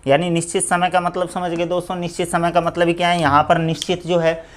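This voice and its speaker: A man's voice: sits high, monotone, quick pace, fairly bright tone. Man teaching a live grammar class. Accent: Rajasthani Hindi. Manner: asks questions then answers them himself; repeats "दोस्तों" often.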